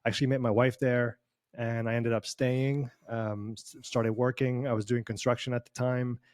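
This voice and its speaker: A Swiss man, appearing as a performance coach guest in a casual online interview, rambles through his story with plenty of fillers. His Swiss accent has a slight Canadian sound, and his mid-range voice is level, a little mellow and moderately paced. The video call microphone gives studio-quality sound with no room noise.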